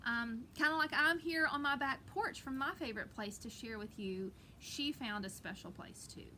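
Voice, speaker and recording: This elementary teacher's voice sits high, pushed and bright, moving at a moderate pace as she reads to young pupils. Speaking from her back porch outdoors, she is folksy, relaxed and encouraging, often pausing to explain things. Ambient sounds and slight background noise are present.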